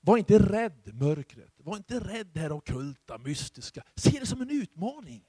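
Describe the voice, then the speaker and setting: Swedish male pastor, charismatic sermon, high-pitched, dry close sound, hushed asides rising to loud exhortation. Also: very animated, slightly rough, dry recording.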